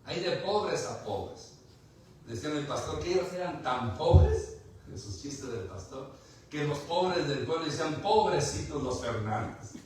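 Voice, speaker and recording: A man preaches in a lively, rising and falling voice, tossing questions out to his congregation and slipping in a joke now and then. He speaks slowly and deliberately, and he sounds set back from the mic in a very echoey hall with a faint background hum. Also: fairly high pitch. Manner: preaching with rhetorical questions and humor. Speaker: pastor. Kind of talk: sermon. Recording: echoey room from far off.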